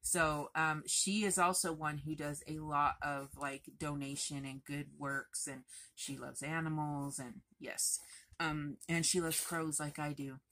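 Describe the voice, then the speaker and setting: A woman crochet vlogger talking in a chatty, rambling, expressive way to her viewers. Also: sits low, measured pace. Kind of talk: casual chatty vlog.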